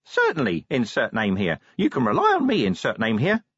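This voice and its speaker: A man's voice: mid-range voice, huge pitch swings, a little fast, a bit bright, slightly rough, no room sound, full character voice. A man voicing an eager, chirpy little imp living in a gadget, relentlessly polite and keen to please. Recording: dull dry studio recording.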